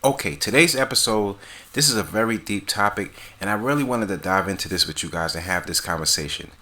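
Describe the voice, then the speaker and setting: A man's voice: on the low side, lively intonation, fairly quick, bright, forceful tone. A man hosting his own commentary channel, greeting viewers with energy. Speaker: channel host. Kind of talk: casual commentary vlog.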